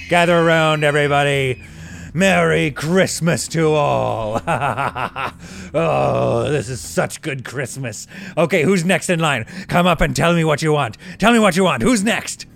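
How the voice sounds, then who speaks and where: Man playing a manic, booming mall Santa. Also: expressive, slow pace, creaky, a bit bright, slight background noise, exaggerated voice. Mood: manic jolly. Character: crazed, jolly, menacing male mall Santa. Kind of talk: comedic sketch acting over music.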